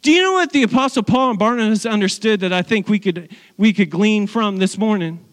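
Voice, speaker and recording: A man preaching a sermon in an animated way, acting out biblical characters in playful voices. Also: sits high, a little fast, in a large hall. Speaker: pastor.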